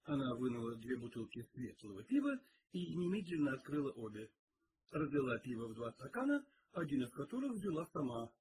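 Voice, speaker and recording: A man narrating an audiobook in an expressive storytelling manner. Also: medium pitch, fairly quick, background noise. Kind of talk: audiobook reading.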